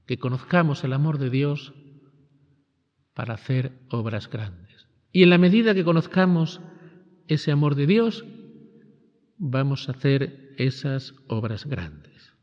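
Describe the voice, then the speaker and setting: A male priest gives a retreat sermon, and his pitch climbs and drops widely as he stresses phrases. He speaks slowly and deliberately. The sound is dull and lo-fi, with a long reverb trailing each line. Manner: emphatic, rising and falling preaching cadence with slow stressed phrases.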